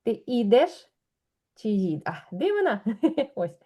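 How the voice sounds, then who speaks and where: A woman's voice: a little high, very animated, extremely slow, lo-fi sound. A woman teaching a language lesson, patiently explaining and repeating examples.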